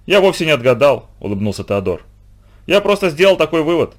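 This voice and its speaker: A man's voice: on the high side, big pitch swings, fast. A man voicing a clever young boy who leads and speaks decisively. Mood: commanding. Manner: decisive, commanding.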